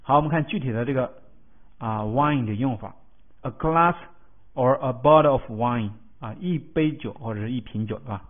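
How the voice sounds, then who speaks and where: A male teacher walks through English vocabulary in a recorded lesson, breaking words into roots and spelling out their letters. His voice sits at an ordinary middle pitch, and he often pauses to ask a checking question. The audio is thin and tinny, like a phone line.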